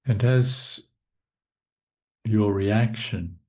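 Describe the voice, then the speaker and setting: A meditation teacher guides a session, his lowish, slightly mellow voice offering short, measured phrases separated by long pauses.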